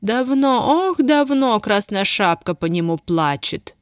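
A shrill, cutting voice of a cruel lady estate manager, as a woman narrator puts her on. She barks orders with open contempt, pitched well above the reader's own tone, in a dry, close storybook reading. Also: animated, slow, no room sound. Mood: imperious, scornful. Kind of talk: audiobook character voice.

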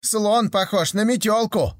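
A man voicing a stubborn blind beggar in a fable, shouting insistently. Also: a little high, lively intonation, moderate pace, pitched above the performer's own voice, natural voice. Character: excited blind old beggar, stubborn, shrill.

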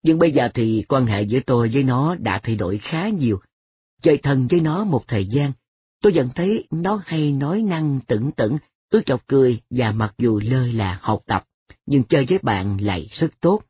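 A narrator reading a first-person story aloud in a calm, even manner. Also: medium pitch, normal speed, breathy edge, dry recording, lo-fi sound.

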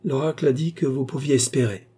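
A man reading aloud and voicing a cunning male count, a smooth mystic adventurer, in a persuasive, confidential manner. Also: mid-range voice, brisk, warm tone, voice pushed up, lightly acted. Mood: assured.

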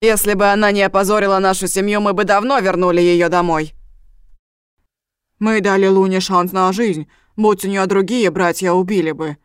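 A woman voicing an enraged, proud older brother who shouts with contempt. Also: lowish voice, level tone, moderate pace, clear, resonant tone, no room sound, clean studio sound, lightly acted. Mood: contemptuous.

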